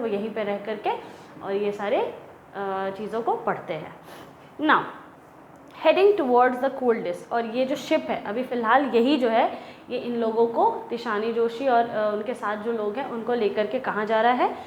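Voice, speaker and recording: A young woman teaching an English lesson. She reads English lines slowly and deliberately, then explains them in Hindi. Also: on the high side, a little mellow. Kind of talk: classroom lesson explaining a textbook chapter. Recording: echoey room with faint ambient noise.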